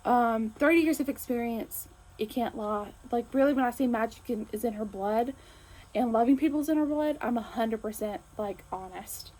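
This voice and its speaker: Chatty enthusiastic woman host, slightly high. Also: normal speed, dark tone, low-quality recording. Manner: enthusiastic, chatty, frequent fillers. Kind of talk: casual chat to camera.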